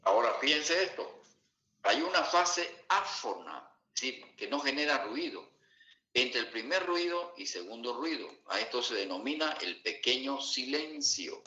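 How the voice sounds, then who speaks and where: A man's voice: mid-range voice, sing-song, a little slow, bright, forceful tone. A man giving a medical lecture to students, often checking in with questions like "are we following?". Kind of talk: classroom lecture. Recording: echoey room, dull lo-fi sound.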